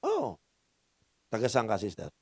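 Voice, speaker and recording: A man's voice: medium pitch, wildly swooping pitch, a little slow, husky, no room sound, clean studio sound. A middle-aged man from the Philippines with a Filipino accent, preaching a sermon. He mixes in English, asks the congregation for answers and jokes with them. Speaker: pastor. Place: church hall.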